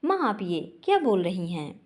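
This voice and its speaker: A woman voicing a young man, a devoted son who is quick to anger but pleads earnestly with his mother. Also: mid-range voice, very animated, voice pushed down, close to an everyday voice.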